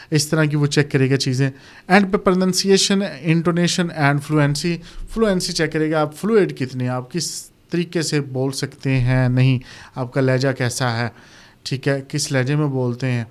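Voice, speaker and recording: In a relaxed, conversational video lesson, a man with a Pakistani accent explains exam criteria, mixing in English terms. He's an exam tutor, and his voice is fairly high.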